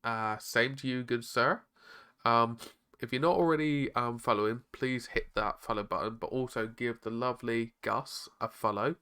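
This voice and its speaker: A man with a hoarse, raspy voice, chatting casually on a live stream while painting miniatures. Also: medium pitch, steady tone, normal speed, bright, forceful tone. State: hoarse, struggling to talk.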